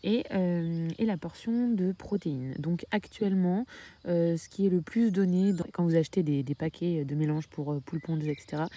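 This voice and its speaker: A woman's voice: lowish voice, warm tone. A woman from France talking casually about her hens in a homestead vlog, hesitating often with filler sounds. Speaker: backyard poultry keeper.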